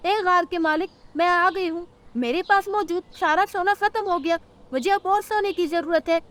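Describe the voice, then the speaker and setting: A woman voicing a kind, generous female sparrow in a cartoon, gentle in her speech. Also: extremely high pitch, moderate pace. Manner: gentle and giving, pleading in the dream.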